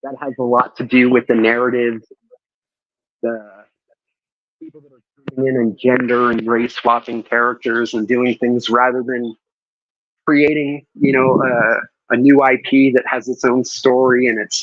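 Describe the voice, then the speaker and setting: A man's voice: mid-range voice, little pitch movement, a little slow, fairly bright tone, no room sound. A man speaks on an online call, his voice muffled and dull, with choppy audio that keeps cutting off the ends of his words. He rambles and restarts his sentences in a dry, close sound. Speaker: podcast guest. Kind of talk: casual chat. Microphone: earpiece on an online call.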